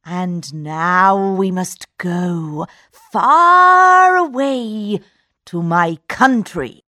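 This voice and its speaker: A woman voicing a wicked old male magician in disguise, speaking in a sly, drawn-out way. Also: mid-range voice, expressive, pushed and bright, no echo, studio quality, full character voice.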